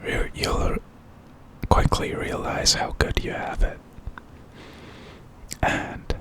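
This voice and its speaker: Taking his time, a male ASMR creator delivers an encouraging, reflective pep talk entirely in a breathy, unvoiced whisper.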